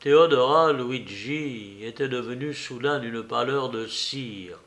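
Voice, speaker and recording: A man reading a novel aloud as narrator, slow and deliberate. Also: medium pitch, a bit bright. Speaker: audiobook reader.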